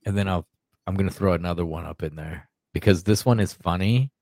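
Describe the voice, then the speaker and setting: A man hosting a casual podcast, talking in a crude, mocking and animated way. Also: low voice, fairly quick, no room sound. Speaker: podcast host. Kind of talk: casual profane chat.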